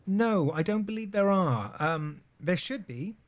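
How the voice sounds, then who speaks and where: Guy, slightly higher voice, talking himself through a tech problem on a call, half-finished sentences and restarts. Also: expressive, a little slow. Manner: thinks aloud, trailing off and restarting. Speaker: software user on a live Q&A. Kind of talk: casual technical problem-solving chat.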